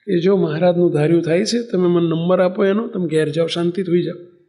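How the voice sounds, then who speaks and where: A man's voice: high-pitched, fast, mellow. A male spiritual teacher giving a sermon and telling a story, acting out its dialogue as he goes.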